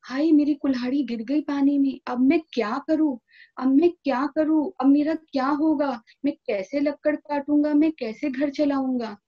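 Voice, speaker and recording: A woman's voice: sits high, fairly even intonation, moderate pace, close to an everyday voice. A woman voicing a greedy, scheming young male woodcutter who whines and wails, on a dull lo-fi recording. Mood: wailing. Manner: whiny, wailing complaints.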